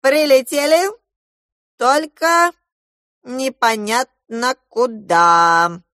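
A woman's voice: a little high, expressive, slow, a bit bright, dry recording, studio quality, pitched above the performer's own voice, exaggerated voice. A woman voicing a bossy, theatrical male goose pilot in a storybook reading, declaiming and commanding. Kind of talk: audiobook character voice.

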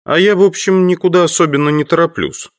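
Voicing an insect-collecting teacher in an audio drama, a male actor speaks fast in a voice on the high side, acting only lightly. The character comes across as polite, educated, courteous, and patient.

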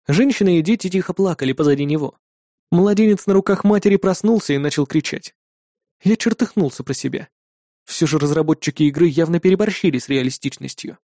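A man reading a first-person fantasy adventure aloud in steady storytelling style. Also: fairly high pitch, no room sound, studio quality. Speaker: audiobook narrator.

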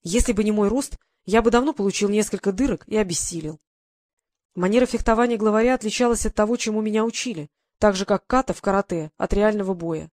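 A woman's voice: medium pitch, quick pace, a little mellow, no echo. Woman reading an adventure novel, dry sound. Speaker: audiobook reader. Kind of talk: first-person novel narration.

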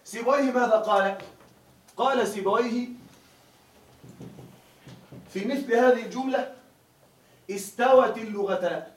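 A man gives a classroom grammar lecture in a fairly high voice, stopping often to ask whether the students follow. He is heard from some distance off the mic. The room is echoey. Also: steady tone, moderate pace, pauses often, a little hiss or hum. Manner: keeps asking students if they follow. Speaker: grammar teacher.

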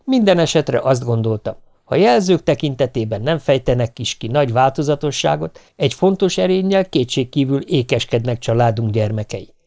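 A man reading a humorous first-person audiobook, telling the story in a wry, animated way. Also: mid-range voice, creaky. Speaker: audiobook narrator.

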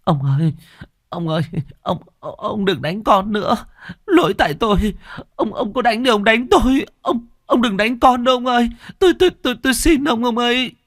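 A man's voice: mid-range voice, huge pitch swings, unhurried, creaky, breathy edge, no echo, studio quality, voice pushed up, exaggerated voice. A man voicing a frightened middle-aged peasant wife who stammers and begs. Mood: pleading. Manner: stammering, tearful begging.

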